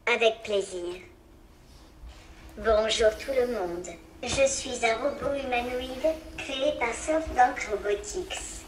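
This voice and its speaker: A small humanoid robot speaks in a synthesized, female-sounding voice that sits on the high side. Its robot voice is polite and even, with a slight hiss of noise behind it. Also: slow pace, rough recording. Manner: polite, formal, even delivery. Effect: synthesized robot voice from a speaking machine. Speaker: demonstration robot answering a presenter.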